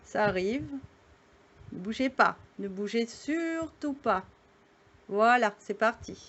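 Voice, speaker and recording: A woman's voice: fairly high pitch, lively intonation, slow pace, a bit bright, muffled recording, slight background noise. A woman hosting a show, greeting viewers in a chatty way and asking interview questions. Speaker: host.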